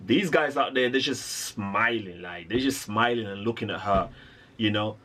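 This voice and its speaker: A man's voice: lowish voice, moderate pace, fairly bright tone. A man hosting a reaction video, giving indignant, rambling commentary with lots of restarts.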